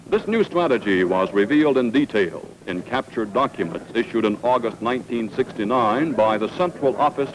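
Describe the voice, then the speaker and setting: A man's voice: fairly low pitch, slight background noise, rough recording. A man giving formal, scripted narration in the manner of an old newsreel announcer.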